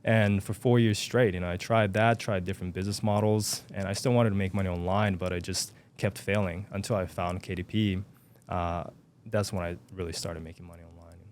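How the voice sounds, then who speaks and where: Low-voiced young man, hesitant speech. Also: fairly even intonation, a little fast, a little mellow, slight background noise. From Japan. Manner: hesitant, many fillers and restarts. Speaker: podcast guest. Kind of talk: casual interview chat.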